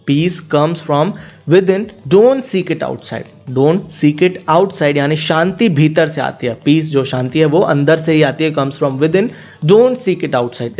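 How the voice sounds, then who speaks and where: Young man, fairly high voice, English teacher, explains in Hindi, spells words letter by letter, slow repeated examples.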